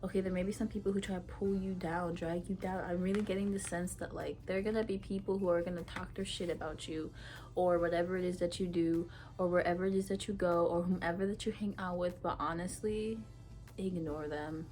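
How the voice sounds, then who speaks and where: A woman's voice: fairly low pitch, steady tone, a little fast, darkish tone. A woman from Ethiopia giving a casual tarot reading to camera, talking frankly in a chatty way with many fillers. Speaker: tarot reader.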